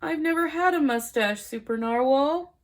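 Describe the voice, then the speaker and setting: A woman's voice: sits high, normal speed. A woman voicing a small, worried jellyfish sidekick in a children's storybook, unsure and fretful.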